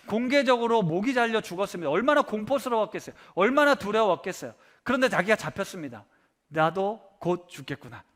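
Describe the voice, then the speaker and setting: A man preaching a sermon as pastor, animated and earnest, acting out imagined complaints to God. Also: sits high. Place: church hall.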